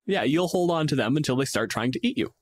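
This podcast co-host, who also works as a game master, talks fast in a medium-pitched, expressive voice. He argues his opinions bluntly in a casual debate, swearing plenty. The audio is studio quality with no echo.

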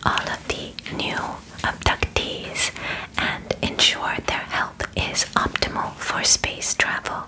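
Whispering breathily and softly, a woman in her 20s takes on the role of a polite, formal female alien medical examiner in an ASMR piece recorded in a small bedroom. Short pauses punctuate her gentle, halting, measured delivery. Audio quality is low.

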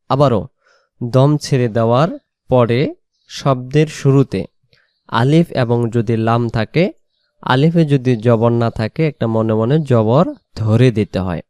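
A man's voice: mid-range voice, warm tone, no room sound. Male Quran tutor, resonant and dry, patiently drills syllables for learners. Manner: patient, repeats and draws out Arabic syllables slowly. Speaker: Quran reading teacher. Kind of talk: spelled-out recitation lesson.

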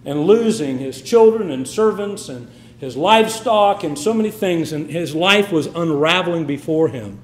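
A man's voice: a little high, animated, normal speed, roomy sound. A man preaching a sermon with emphatic, swinging delivery. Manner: emphatic, rising and falling delivery.

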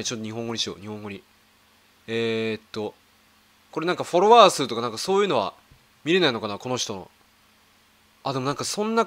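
A man's voice: mid-range voice, fairly bright tone. A man making casual reaction commentary as he browses videos, thinking aloud with lots of fillers and questions to himself. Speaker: video creator.

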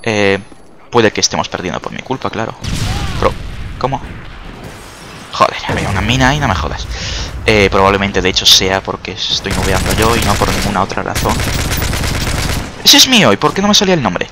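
A man's voice: deep voice, a little fast, pauses often, noisy background. A young man from Spain with a Spanish accent, chatty and sarcastic as he comments on his own gameplay, yelping at the game now and then. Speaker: gaming YouTuber. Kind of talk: let's-play commentary. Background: faint game gunfire.

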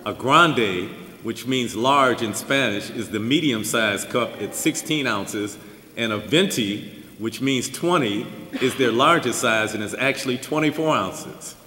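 An older man giving a keynote, reading a personal essay aloud at a lectern mic with measured delivery and dry asides. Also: mid-range voice, pushed and bright, slight background noise. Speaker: keynote speaker. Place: large church hall. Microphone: stand mic at a lectern. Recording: roomy hall with long reverb.

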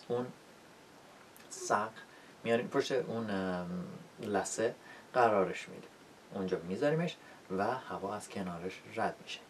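A man whose first language is Persian, teaching English pronunciation in a spoken lesson and repeating words slowly to demonstrate sounds. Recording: distant mic with faint rumble.

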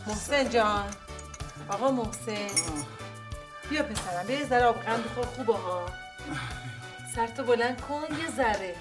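A woman's voice: fairly high pitch, long pauses, close to an everyday voice. An actress playing a bossy middle-aged mother in a TV comedy, fussing and nagging at her family, with a music score behind her. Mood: coaxing. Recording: TV series audio with music score.

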